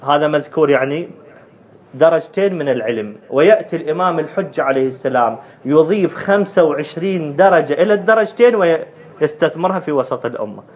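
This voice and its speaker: A man with an Iraqi Arabic accent preaching a sermon, rising loud and high on key points and acting out dialogue. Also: dull audio.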